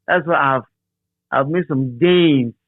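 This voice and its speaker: A middle-aged Ghanaian-accented man, a radio DJ, reminisces in a casual interview, often restating phrases for emphasis. His voice leans high and unhurried, and the dry recording comes through a thin, phone-like narrow-band line.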